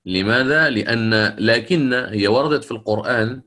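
A man teaching Quran recitation rules in a lecture, explaining patiently, asking his students questions and slowing down to recite verses. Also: medium pitch, pushed and bright.

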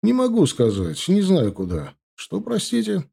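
Мужчина изображает язвительного проректора. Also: male voice, high voice, huge pitch swings, moderate pace, gravelly, warm tone, husky, voice pushed up, exaggerated voice. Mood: sneering officious. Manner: sneering, officious phone politeness. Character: mocking university vice-rector, middle-aged man.

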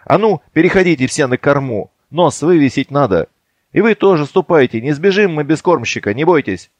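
An impatient male boatman scolds in a high, strained shout, as a man puts him on. He sounds exasperated and loud. The dry, close recording keeps the shouting up front. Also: animated, moderate pace, dry recording. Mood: angry.

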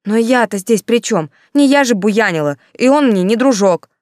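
A woman's voice: lowish voice, animated, quick pace, no echo, studio quality, natural voice. Woman playing an indignant young student girl. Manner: raised, indignant protesting. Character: indignant young female student, quick-tempered.

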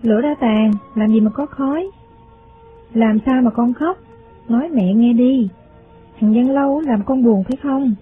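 A man's voice: very high voice, measured pace, pauses often, pitched above the performer's own voice. A man reading an audiobook voices a worried middle-aged mother who coaxes and reassures in an anxious way. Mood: anxious coaxing. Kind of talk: audiobook character voice. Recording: phone-like sound, faint music.

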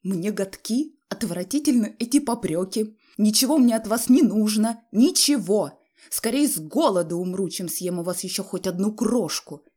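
A woman's voice: mid-range voice, moderate pace, few pauses, dark tone, close to an everyday voice. A woman voicing a hot-tempered young male student who speaks in breathless, strained outbursts, in an audiobook reading. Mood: shouting.

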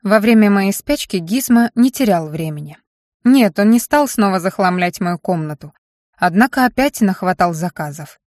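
A woman reading a first-person fantasy story aloud in a steady, measured narration. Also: medium pitch, dry recording, studio quality. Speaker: audiobook narrator. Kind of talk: scripted narration.

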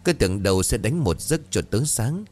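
A man's voice: fairly low pitch, big pitch swings, fairly quick, darkish tone. A man narrating a ghost story and voicing its characters in the dialogue. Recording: faint music behind.

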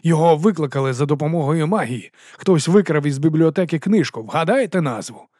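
A man voicing an eager, naive young watchman in an audiobook, keen and quick to speak up. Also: a little high, animated, a little mellow, no room sound, clean studio sound.

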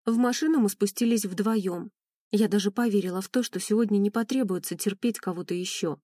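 A woman narrates a first-person audiobook with an emotional, mournful reading. Her voice is mellow and warm, recorded close and dry. She keeps a steady middle pitch. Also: fairly quick, dry recording.

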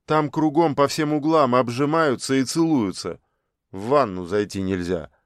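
A man's voice: mid-range voice, normal speed, no echo, clean studio sound, natural voice. A man reading an audiobook, voicing a reserved teenage boy who grumbles resentfully. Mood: grumbling.

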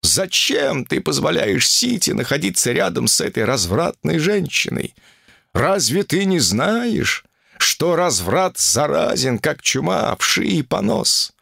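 A man reading an audiobook and voicing a pompous, fanatical male guru who preaches against women in a drawn-out, sanctimonious way. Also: on the high side, very animated, creaky, a bit bright, slightly rough, no room sound, studio quality, heavily acted. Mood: self-righteous.

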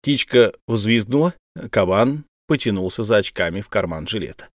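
Guy reading an audiobook, lowish voice, dramatic and measured, dry close mic. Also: lively intonation, no echo. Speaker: audiobook narrator. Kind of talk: scripted narration.

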